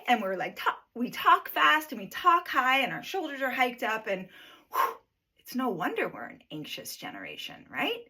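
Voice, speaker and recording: A woman teaching a guided breathing lesson in a relaxed, conversational way, often checking in with the listener. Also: a little high, husky. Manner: conversational, coaching, checks in with "right?".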